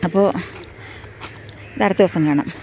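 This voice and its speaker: Hoarse woman vlogging fast outdoors. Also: medium pitch, warm tone, slight background noise. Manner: chatty and rambling, repeats phrases. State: hoarse, losing voice. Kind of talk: casual walking vlog. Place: outdoors on a rural path. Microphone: phone front camera at arm's length.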